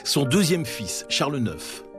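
A man giving scripted documentary narration in a measured, dramatic storytelling manner with pauses. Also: mid-range voice, sing-song. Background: faint background music.

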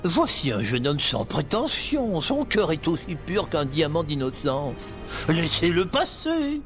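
A man's voice: a little high, huge pitch swings, a little slow, faint music behind, voice pushed up, exaggerated voice. A man voicing a scheming evil vizier disguised as an old beggar, with a nasal, mean voice in a storybook reading. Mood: wheedling.

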